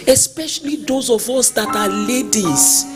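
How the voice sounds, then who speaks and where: Over music, a woman preaching as a prophetess tells her sermon as a series of stories, voicing each person she quotes and sometimes slipping into a singsong rhythm. Her voice is a little high and a little slow, and her delivery stays lively throughout.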